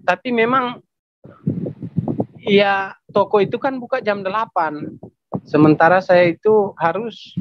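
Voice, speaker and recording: A man with a Papuan Indonesian accent tells a personal testimony in broken, halting phrases, circling back on his words and politely addressing the listener. His voice sits high for a man. The sound is close, dry and slightly dull. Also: dry recording. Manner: halting, repeats phrases, adds "Pak" often. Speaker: testimony giver.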